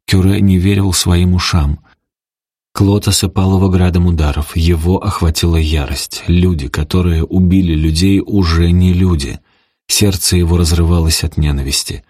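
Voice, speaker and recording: Low husky male audiobook narrator. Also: moderate pace, dry recording, clean studio sound. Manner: steady dramatic storytelling. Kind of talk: audiobook reading.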